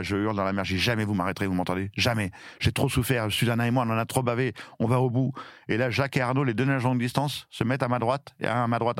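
A man in his fifties from France, telling his story in an interview with lively, emphatic delivery. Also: mid-range voice, no echo, studio quality. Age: 50s. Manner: lively, emphatic, acts out shouted quotes. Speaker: interview guest.

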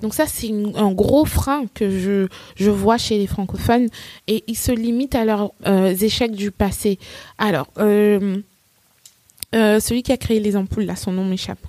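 A woman's voice: mid-range voice, moderate pace, no echo. A woman talking as a podcast guest, telling stories with energy and acting out quotes. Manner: animated storytelling, acts out quotes. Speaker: guest, English-teaching entrepreneur. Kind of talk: casual podcast conversation.

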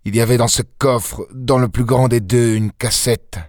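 A man's voice: mid-range voice, steady tone, normal speed, darkish tone, no room sound, studio quality, natural voice. A man reading an audiobook and voicing a desperate, cornered safecracker who talks in a blunt, clipped, resentful way. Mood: bitter, defeated.

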